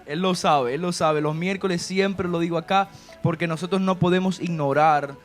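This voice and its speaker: Chatty high-voiced man pastor hosting. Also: fairly even intonation, moderate pace, faint music behind. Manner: preachy, warm and chatty, with many "¿verdad?" asides. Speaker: pastor and host. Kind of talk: church talk show.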